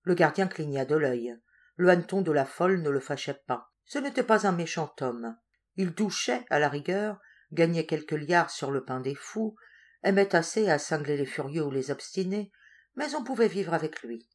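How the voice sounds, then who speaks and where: A woman narrating a literary story in a measured, expressive reading voice. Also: low-pitched. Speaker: audiobook reader. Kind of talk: scripted narration.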